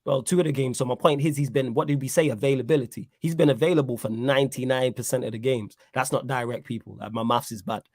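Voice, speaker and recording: A man's voice: medium pitch, fairly even intonation, quick pace, hardly any pauses, a little mellow, no echo, clean studio sound. A man giving a casual football reaction, emphatic and repeating himself for effect. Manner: emphatic, repeats "you know what I'm saying". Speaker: football pundit.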